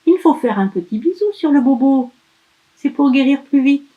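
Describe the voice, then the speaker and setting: A woman's voice: lively intonation, normal speed, muffled recording. A woman voicing a small, needy boy elf who whimpers and pleads in a storybook reading. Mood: wheedling. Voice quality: squeaky whimpering.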